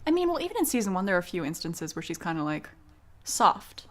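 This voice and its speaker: A woman's voice: fairly low pitch, sing-song, quick pace, a bit bright. A woman co-hosting a casual anime discussion podcast, giggly and playfully teasing. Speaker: podcast co-host.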